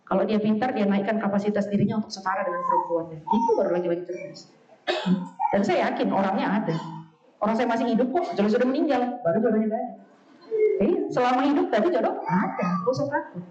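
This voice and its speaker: A woman, giving a lively, blunt talk with humour to a women's study group. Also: medium pitch, quick pace, a crowd in the background. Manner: blunt, animated, acts out quoted voices, laughs often. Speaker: speaker at a women's study session. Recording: echoey far-off dull sound.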